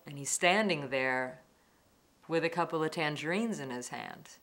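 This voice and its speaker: A woman's voice: sits low, lively intonation, normal speed, fairly bright tone. A woman speaking candidly and reflectively in a documentary interview. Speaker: interviewee telling her story. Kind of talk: personal documentary testimony.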